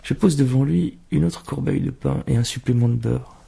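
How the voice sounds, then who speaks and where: A man calmly reading a literary short story aloud in a measured voice. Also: mid-range voice, creaky, husky.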